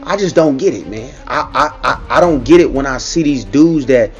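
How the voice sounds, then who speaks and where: A man's voice: mid-range voice, expressive, normal speed, lo-fi sound, faint music behind. A man giving casual reaction commentary, talking in a loose, repetitive way and often checking in with the listener. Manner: conversational, repeats himself, frequent "you know what I'm saying".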